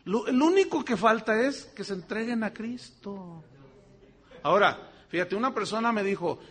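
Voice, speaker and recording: A man's voice: sits high, a bit bright, slightly rough. A middle-aged man, preaching a sermon as a pastor in a conversational, storytelling way, acting out quoted voices.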